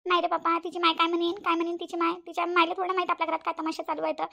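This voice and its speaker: A woman's voice: very high voice, monotone, rapid-fire, creaky, pushed and bright, exaggerated voice. A woman voicing a sly, scheming older mother-in-law in a cartoon, with a Vidarbha Marathi accent and a gossipy, plaintive manner. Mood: coaxing. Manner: gossipy, plaintive, then gloating. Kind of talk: cartoon voice acting.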